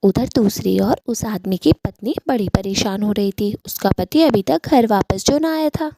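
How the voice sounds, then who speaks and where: A woman narrating a cartoon story in a plain, steady storytelling manner. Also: mid-range voice, moderate pace, vocal fry, no echo, studio quality.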